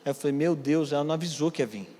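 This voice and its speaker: A man with a Brazilian Portuguese accent preaching as pastor, telling a story in a sermon and swinging from hushed asides to loud, climbing declarations. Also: on the high side, very fast, slight background noise. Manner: animated, swings from hushed to shouting. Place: church hall. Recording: long hall reverb.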